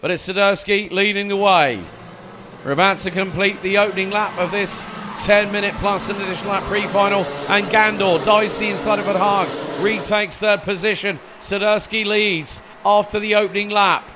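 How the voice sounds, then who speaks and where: A man giving live motorsport commentary in an excitable, dramatic manner, calling the race as it happens. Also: high-pitched, a little hiss or hum.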